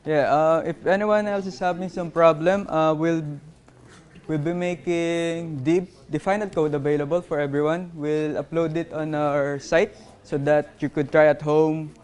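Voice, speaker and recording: A man presenting a live coding workshop, halting and apologetic, with many fillers. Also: fairly high pitch, steady tone, darkish tone, clean tone. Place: conference workshop room.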